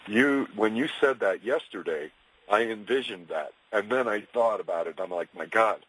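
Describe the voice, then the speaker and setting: A middle-aged man with a husky, rough voice, speaking personally as a caller to a radio show. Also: lowish voice, normal speed, a bit bright, poor audio. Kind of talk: personal confession on a call-in. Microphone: phone.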